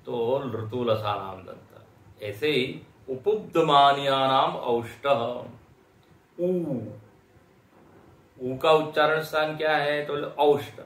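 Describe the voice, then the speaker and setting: A man teaches a lecture class at a slow, unhurried pace. He explains patiently and sounds out each syllable one by one. His voice rings in an echoey lecture hall. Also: medium pitch. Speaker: Vedanta teacher.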